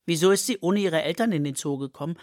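A man's voice: a little high, quick pace, darkish tone, no room sound, clean studio sound, voice pushed up, close to an everyday voice. A man voicing a curious young boy who asks eager questions.

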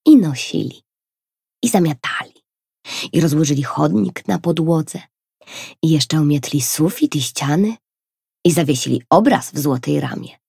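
Husky, expressive woman reading a children's story. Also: low-pitched, a little slow, long pauses, no room sound, clean studio sound. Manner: expressive, gentle.

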